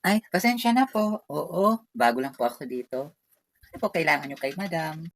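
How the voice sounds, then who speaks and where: A woman's voice: deep voice, animated, normal speed. Woman playing a timid new housemaid. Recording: loud background noise.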